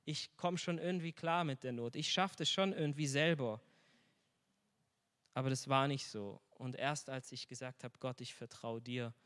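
A man's voice: medium pitch, a bit bright, smooth. A man preaching a sermon in a church hall, sharing a personal testimony in an earnest tone and asking the congregation questions. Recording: long reverb of a large hall.

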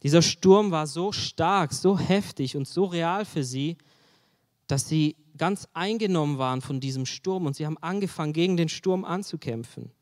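A man's voice: a little high, normal speed, a little mellow, long reverb tail. A man preaching a sermon in an earnest way, putting direct questions to his listeners.

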